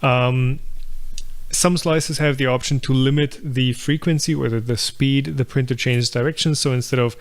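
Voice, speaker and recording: Guy with a gravelly voice, laid back, rambling thru viewer questions, lots of ums. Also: medium pitch, moderate pace. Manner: relaxed, thinks aloud with many fillers and restarts. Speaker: channel host answering viewer questions. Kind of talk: casual live Q&A about 3D printing.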